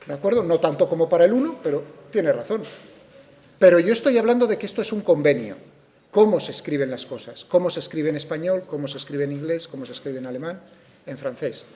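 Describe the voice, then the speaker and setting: A man's voice: fairly high pitch, animated, quick pace, dark tone. A man with a Spain Spanish accent teaching a physics class. He keeps checking that students follow and raises their likely objections before answering them. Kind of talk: classroom lecture.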